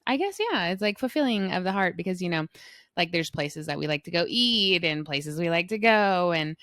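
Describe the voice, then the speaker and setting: A woman's voice: on the low side, expressive, normal speed, a bit bright, no echo, studio quality. A young American woman from Arizona co-hosting a podcast, chatting informally and agreeably with lots of "like". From Flagstaff, Arizona, United States. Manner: informal, filler-heavy, agreeable. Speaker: podcast co-host. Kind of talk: casual chat.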